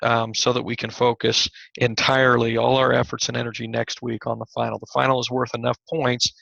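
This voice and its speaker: A man teaching a recorded online class, slightly hoarse and scratchy, talking in a conversational way with many fillers and restarts. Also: mid-range voice, flat delivery, brisk, sharp tone, no echo, muffled recording. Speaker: college instructor.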